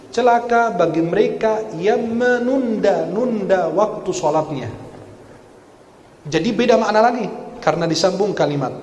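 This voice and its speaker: A high-pitched man lectures in an animated, teasing way and coaches his listeners one sound at a time. His voice echoes around a large mosque hall over a faint murmur of room noise. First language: Arabic. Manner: animated, teasing, drills pronunciation with the audience. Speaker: Quran teacher and preacher. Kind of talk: religious lecture with recitation drills.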